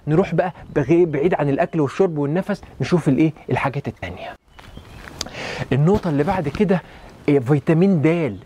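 A man's voice: high voice, warm tone. A man speaking in an Egyptian Arabic accent, a doctor giving urgent, repetitive health advice to listeners. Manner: fast, urgent, lecturing, repeats points, addresses listener as "habibi". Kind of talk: rapid health talk to listeners.

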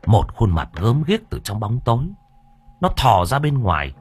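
Lively, expressive male storyteller. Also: fairly low pitch, normal speed, slight background noise. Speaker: audiobook narrator. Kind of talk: dramatic story narration.

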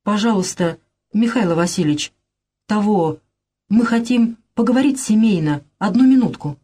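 A woman's voice: mid-range voice, expressive, moderate pace, mellow, slightly rough, voice pushed up. A woman reading the part of an older, flustered father who speaks hesitantly.

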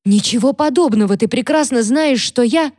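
A woman's voice: on the high side, a little mellow, no echo, clean studio sound, pitched above the performer's own voice, natural voice. A woman voicing a composed housewife who speaks in a level, careful way. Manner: level, measured, restrained.

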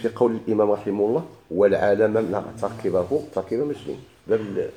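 A man with a Moroccan Arabic accent gives a classical grammar lesson in a rapid flow, his voice low-pitched and mellow. He recites a verse and then unpacks it point by point, pausing to question his students. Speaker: teacher.

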